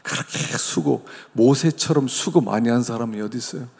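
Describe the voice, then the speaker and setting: A male pastor delivers a sermon in a gravelly, husky voice of middling pitch. He preaches conversationally, tossing rhetorical questions at his listeners. A long reverb from the church hall hangs behind every phrase. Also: moderate pace, a little mellow. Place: church sanctuary.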